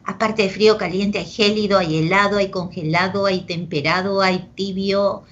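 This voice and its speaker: A woman's voice: medium pitch, fairly even intonation, normal speed. A woman teacher with a Peruvian Spanish accent giving an online language class, explaining with examples and checking in with "¿ok?" and "¿de acuerdo?", affectionate with her students. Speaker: pre-university language teacher. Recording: dull lo-fi audio.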